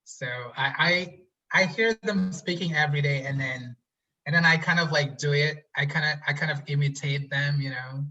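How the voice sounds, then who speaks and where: Earnest young man, bright tense voice. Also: on the high side, fairly even intonation, normal speed, highs cut off. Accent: American-influenced English. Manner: earnest, reflective, fillers "you know" often. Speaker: guest, PhD student. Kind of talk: casual interview chat.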